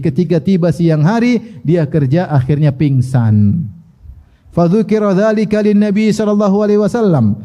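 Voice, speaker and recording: This high, mellow male voice belongs to an Islamic preacher leading a religious lesson. After reciting passages in Arabic, he renders them in translation and performs the dialogue humorously.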